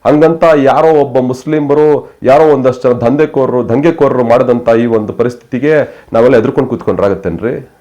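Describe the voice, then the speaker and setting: A man's voice: medium pitch, a little fast, mellow, dull audio. A man delivering impassioned political commentary, scolding his listeners with fiery rhetorical questions. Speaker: news commentator.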